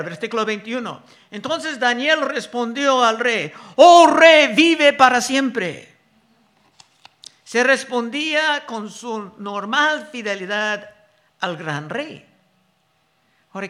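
A man preaching a sermon, reading Bible verses slowly and deliberately and explaining them. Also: very high voice, sharp tone.

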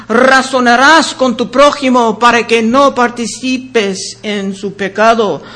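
A man's voice: very high-pitched, sharp tone. A man preaching a sermon in earnest, calling his listeners brothers and sisters and reading scripture verses aloud with their references.

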